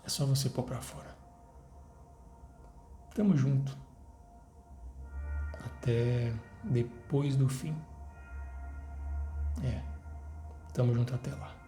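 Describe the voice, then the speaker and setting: A man in his twenties with a Brazilian Portuguese accent shares an earnest personal faith testimony with his viewers, repeating phrases as he urges them on. His medium-pitched, dark voice is fairly even, slow and full of pauses, with roomy echo and faint music behind.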